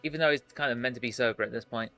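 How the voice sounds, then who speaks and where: A man's voice: medium pitch, very fast, pushed and bright, soft background music. A man giving chatty asides while streaming a video game. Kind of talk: casual game-stream commentary.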